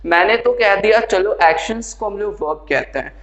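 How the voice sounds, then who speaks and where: Male English tutor, high-pitched, friendly classroom delivery, roomy echo. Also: lively intonation, normal speed, a crowd in the background. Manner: chatty teacher addressing students as friends. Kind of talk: casual classroom explanation.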